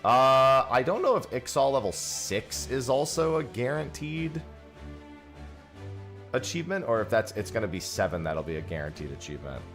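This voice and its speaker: Very animated, a man streams a game and chats while thanking viewers, recorded on a headset mic. His medium-pitched voice is fairly bright and moderately paced, with soft music underneath.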